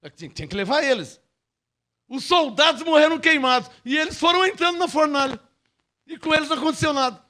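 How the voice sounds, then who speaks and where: Man, pastor preaching, very high voice, acts out bible scenes. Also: animated, fast, sharp tone. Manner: preaching with acted-out Bible dialogue. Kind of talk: sermon.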